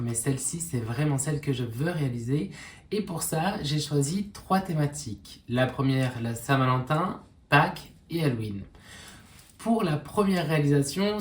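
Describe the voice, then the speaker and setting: A woman presenting in a casual knitting vlog, conversational and unhurried, pausing often and correcting herself. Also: a bass voice. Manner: conversational, unhurried, with frequent pauses and self-corrections. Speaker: knitting vlogger. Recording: roomy echo with faint background noise.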